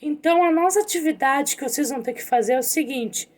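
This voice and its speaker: High-voiced woman teaching. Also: quick pace. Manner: calm, patient, addresses pupils directly. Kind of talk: online lesson, reading a story aloud.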